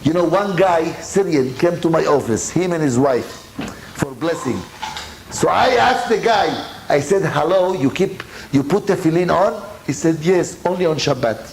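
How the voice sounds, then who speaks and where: A man's voice: on the high side, expressive, moderate pace, vocal fry, slight background noise, rough recording. A man giving a Torah lecture as a rabbi, telling stories in broken English with Hebrew words mixed in and acting out both sides of each dialogue. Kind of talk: storytelling sermon.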